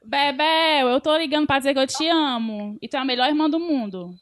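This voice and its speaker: A woman's voice: high-pitched, fairly quick. A woman co-hosting a podcast in casual chat, speaking with affection. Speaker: podcast co-host.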